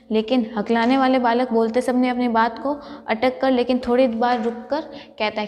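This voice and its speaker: A woman lecturer gives a college lesson in a high voice. She works through each point by asking a question and then answering it herself. The recording carries the long echo of a large hall. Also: darkish tone. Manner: explains by asking and answering her own questions. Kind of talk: classroom lecture.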